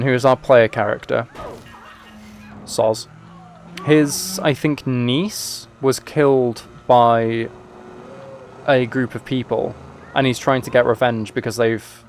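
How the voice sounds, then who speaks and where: A man with a medium-pitched voice chats casually while streaming a video game, tossing in dry, wry asides. There's a slight hiss or hum on the recording.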